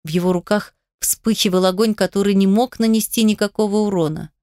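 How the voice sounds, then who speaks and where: Woman narrator, audiobook, smooth clear voice, dry close mic. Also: mid-range voice, fairly even intonation, a little fast, warm tone, no room sound. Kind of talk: audiobook narration in first person.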